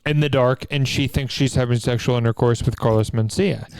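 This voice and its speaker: A man hosts a casual comedy podcast, his voice smooth and crisp in a dry, close sound. He is crude and laughs a lot, firing off repeated words in bursts. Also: mid-range voice, steady tone, brisk, darkish tone, no echo. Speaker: podcast host.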